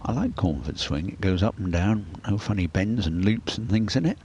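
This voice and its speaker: A man's voice: on the low side, very animated, moderate pace, a little mellow, highs cut off, slight background noise. A man giving conversational golf commentary as an analyst, chatting appreciatively through each shot.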